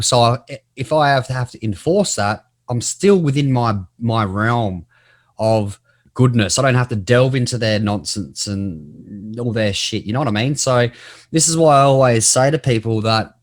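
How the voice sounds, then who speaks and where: A man hosting a casual discussion in a blunt, colloquial, opinionated way. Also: medium pitch. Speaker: host.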